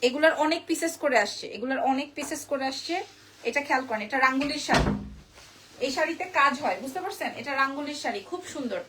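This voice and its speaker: A woman from Bangladesh running a live sales stream for her saree shop, chatting fast and greeting viewers by name. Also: sits high, lively intonation, very noisy.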